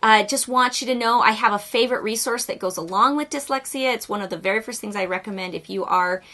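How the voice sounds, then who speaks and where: Middle-aged woman vlogger, higher pitch, bright and forceful tone, upbeat and emphatic, casual explainer. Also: fast. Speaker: homeschool video host.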